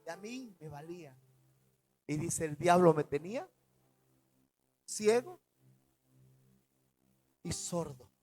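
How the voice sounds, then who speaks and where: A man, a pastor preaching a sermon, swinging between loud and soft as he retells stories in the first person. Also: lively intonation, slow pace, pauses often, faint music behind, low-quality recording. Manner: preaching with dramatic swings in loudness and pitch.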